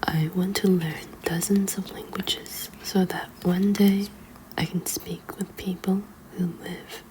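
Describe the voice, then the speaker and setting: A woman reads a children's book aloud as ASMR in a hushed, librarian-like whisper. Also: fairly low pitch, fairly even intonation, slow, rough recording. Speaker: ASMR reader.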